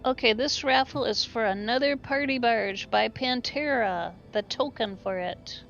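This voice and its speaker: A woman's voice: a little high, measured pace, gravelly, fairly bright tone, highs cut off, faint music behind. A woman with a Minnesota accent co-hosting a game livestream, cheerfully reading out chat messages. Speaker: stream co-host.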